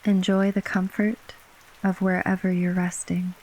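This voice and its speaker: A woman narrating a bedtime sleep story as guided relaxation, gently and unhurriedly, with long pauses between short phrases. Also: on the low side, rough recording. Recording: steady rain ambience behind voice. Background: rain falling.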